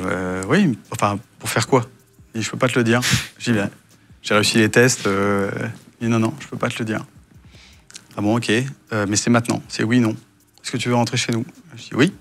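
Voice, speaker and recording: A man's voice: lowish voice, creaky, fairly bright tone. A man from France recounting his past work in a casual interview, with many hesitations, and acting out the dialogue he quotes. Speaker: guest, former intelligence officer.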